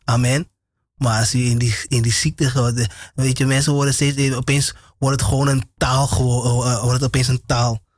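A man's voice: medium pitch, level tone, moderate pace, no echo. A man preaching an informal radio sermon, repeating phrases with many amens and short laughs.

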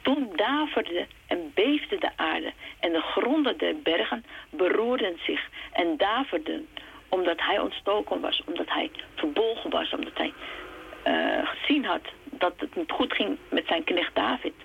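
Slow, gravelly woman preaching. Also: lowish voice, big pitch swings. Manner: slow, earnest, with restarts. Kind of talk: sermon with Bible reading. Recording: muffled, lo-fi with faint hiss.

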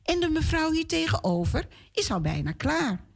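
A woman voicing a curious, excited little girl in a children's story. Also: high-pitched, normal speed, gravelly, pitched above the performer's own voice, heavily acted. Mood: eager.

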